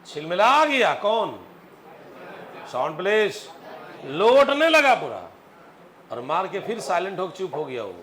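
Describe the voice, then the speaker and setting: A man's voice: high-pitched, big pitch swings, moderate pace, fairly bright tone. A man teaching physics, telling a story and quizzing his students. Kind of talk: classroom lecture with storytelling. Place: classroom. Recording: echoey classroom, faint noise.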